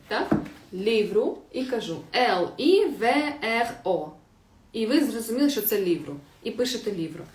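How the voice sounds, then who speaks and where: A woman's voice: medium pitch, a little mellow, a little hiss or hum. A woman teaching a live online language lesson, spelling words out letter by letter and reading answers from the chat. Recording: roomy echo.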